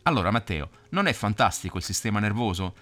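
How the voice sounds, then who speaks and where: A man reading a children's story aloud, explaining things gently as if talking to a child. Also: fairly low pitch, sing-song, fast talker, faint music behind.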